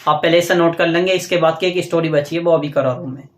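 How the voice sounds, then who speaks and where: A man teaching a grammar lesson, explaining step by step and dictating slowly while he writes on a board, often asking questions and answering them himself. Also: a little high, steady tone, echoey room. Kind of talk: classroom grammar lecture.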